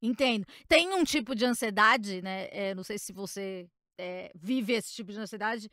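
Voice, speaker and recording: A Brazilian woman hosting a podcast, asking relaxed questions and agreeing with her guest in short replies. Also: mid-range voice, normal speed, no room sound, clean studio sound. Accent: Brazilian Portuguese. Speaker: podcast host. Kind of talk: casual interview.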